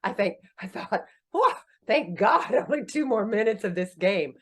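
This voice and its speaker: A lively woman in her sixties, both author and founder, narrates her journey in an easygoing podcast interview. She laughs often, makes fun of herself, and lifts her pitch when joking, keeping to a measured pace.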